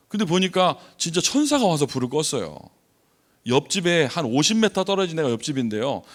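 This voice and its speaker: A middle-aged man and missionary preacher giving a conversational sermon in a church. He tells stories with animated rhetorical questions, and his voice sounds gruff, as if angry, even when he is not. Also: a little high. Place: church sanctuary.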